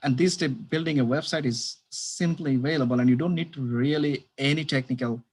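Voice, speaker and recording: A man from Bangladesh giving an online presentation as a librarian over a video call, halting with many fillers and restarts. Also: mid-range voice, husky. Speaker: librarian giving a webinar talk.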